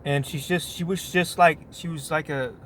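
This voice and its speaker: A man's voice: fairly high pitch, steady tone, normal speed, fairly bright tone, a little hiss or hum. A man talking casually on his work break, rambling in a loose monologue with many restarts and asides. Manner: meandering, full of restarts and "you know what I mean". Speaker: vlogger.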